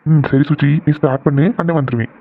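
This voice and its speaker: A man voicing a calm, protective elder brother in a cartoon series, speaking in a soothing way. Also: fairly high pitch, fast talker. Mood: reassuring. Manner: soothing, reassuring. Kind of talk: cartoon voice acting. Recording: tinny phone-like sound.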